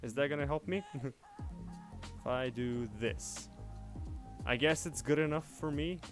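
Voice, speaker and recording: A young man from Indonesia chats casually as he works, muttering each step half to himself at an ordinary middle pitch. He speaks from a room at home. Faint music plays underneath his voice. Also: a little slow. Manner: thinks aloud, muttering steps as he works. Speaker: livestreaming 3D artist. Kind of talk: casual livestream narration while working. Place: home room shared with family.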